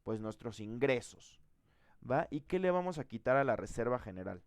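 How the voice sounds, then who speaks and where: Guy teaching a coding class, gravelly voice, keeps quizzing the students, dry sound. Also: mid-range voice, sing-song, normal speed, no room sound. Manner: thinks aloud, quizzes the class, frequent "¿va?". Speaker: programming teacher. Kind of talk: live class lecture.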